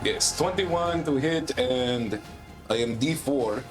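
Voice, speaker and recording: A man's voice: medium pitch, slow, music in the background. A man playing a tabletop game, working through his dice rolls and rules step by step. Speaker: player.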